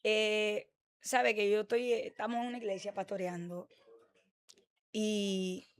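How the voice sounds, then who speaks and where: A woman's voice: mid-range voice, a little slow. A woman pastor with a Dominican accent, giving her testimony in an interview and acting out the dialogue she quotes. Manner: animated storytelling, acts out quoted dialogue.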